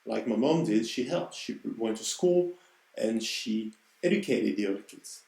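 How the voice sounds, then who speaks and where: A man's voice: fairly low pitch, lively intonation, measured pace, creaky, darkish tone, roomy sound, low-quality recording. A man with a French accent, hosting a podcast and telling a personal story in an earnest, reflective way. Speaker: podcast host.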